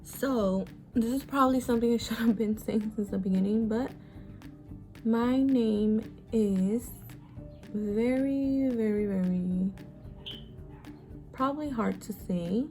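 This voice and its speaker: A beauty vlogger in her twenties, born in Mexico and raised in the US, chats frankly while doing her makeup in a casual get-ready-with-me video. Her warm voice sits on the high side, she talks slowly with long pauses, sighs often and swears freely, and soft music plays behind her.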